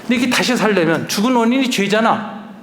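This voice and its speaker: An older man, a pastor, preaching a lively, colloquial retreat sermon, acting out dialogue and chuckling often. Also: high voice, fast, slight background noise. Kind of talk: retreat sermon, storytelling with acted quotes. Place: church hall. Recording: roomy hall reverb, faint ambience.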